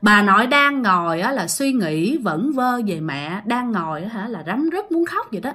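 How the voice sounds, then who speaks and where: Chatty Southern Vietnamese woman narrating a ghost story, bright, forward voice. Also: medium pitch, sing-song, moderate pace. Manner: chatty, addresses listeners directly.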